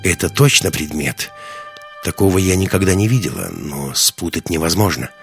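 A man reading an audiobook voices a sharp, probing teenage girl heroine who keeps teasing and questioning, in a raised voice. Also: deep voice, animated, normal speed, creaky, faint music behind.

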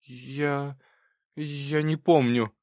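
A man's voice: medium pitch, fairly even intonation, drawn-out words, darkish tone, no room sound, clean studio sound, voice pushed up. A man reading an audiobook, voicing a timid young woman on the witness stand in a lifted, hesitant voice.

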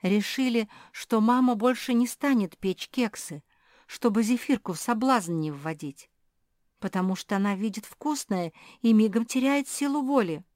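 A woman voicing a sensible female cat in a storybook reading, calm and reproving. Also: fairly high pitch, moderate pace, dry recording, studio quality, pitched above the performer's own voice, lightly acted. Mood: explaining.

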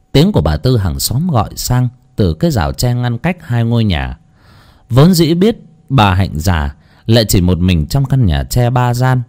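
A man narrating an audiobook story in an expressive storytelling manner. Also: mid-range voice.

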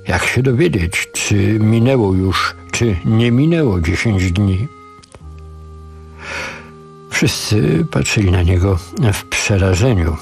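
Man reading a story on the radio, slow and gravelly, faint music under it. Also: lowish voice. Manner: relaxed, chatty asides. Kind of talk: informal story reading with asides. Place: radio studio. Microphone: studio microphone.

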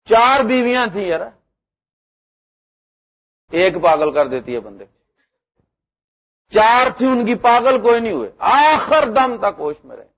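A middle-aged man preaching a sermon, animated, with loud emphatic lines that drop to low asides. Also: long pauses. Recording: muffled lo-fi lecture recording.

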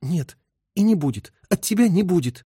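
A man's voice: high voice, animated, normal speed, mellow, husky, dry recording, studio quality, pitched above the performer's own voice, heavily acted. A man voicing a young woman, a wartime army nurse, who speaks in a bitter, stubborn, reproachful way.

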